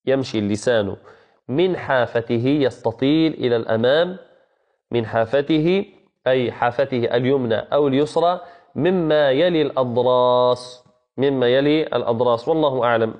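A man teaching a Quran recitation lesson, patiently repeating key phrases and chanting verses slowly. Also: mid-range voice, lo-fi sound. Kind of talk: online tajweed lesson.

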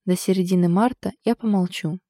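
A woman reading a stubborn, sharp-tongued wife. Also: on the low side, steady tone, fairly quick, no echo, studio quality. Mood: ironic stubborn. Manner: ironic, sulky, sharp. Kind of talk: audiobook character reading.

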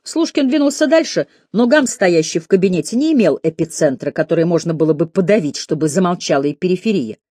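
A woman with a low voice narrating an audiobook. Her reading is expressive, with pitch that rises and falls a lot. The recording is close and dry, with no room echo. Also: quick pace, few pauses, breathy edge.

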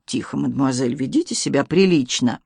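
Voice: medium pitch, brisk, gravelly, a little mellow, slightly rough, no room sound, studio quality, voice pushed down. Reader voicing a wry shrewd detective. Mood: stern.

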